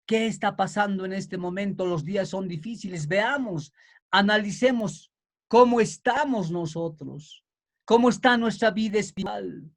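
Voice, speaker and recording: A man preaching a sermon in an emphatic way, building up to fervent shouting. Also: sits high, normal speed, vocal fry.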